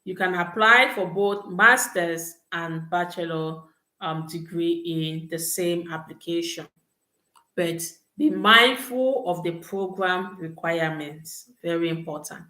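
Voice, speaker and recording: A woman's voice: on the low side, slow, sharp tone. A young woman from Cameroon, hosting a live Q&A and giving advice with frequent "okay" and "all right" checks. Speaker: host answering study-abroad questions. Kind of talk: live Q&A chat. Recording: roomy echo.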